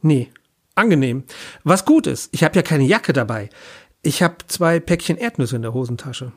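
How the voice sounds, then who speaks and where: A man with a husky voice voicing a blunt, cursing young woman with colorful hair, stranded on a phone call. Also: on the high side, animated, moderate pace. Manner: blunt, casual, sarcastic.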